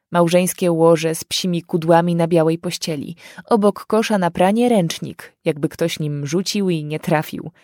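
A woman narrating a dark fantasy story in a measured, expressive reading. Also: on the low side, dry recording, clean studio sound. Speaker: audiobook reader.

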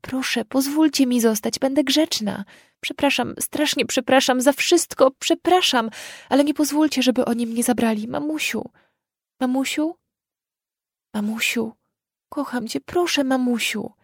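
A woman's voice: high voice, steady tone, measured pace, creaky, darkish tone, breathy edge, dry recording, clean studio sound, pitched above the performer's own voice, exaggerated voice. A woman voicing a frightened young girl who pleads through tears in a breaking voice. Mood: sobbing pleading.

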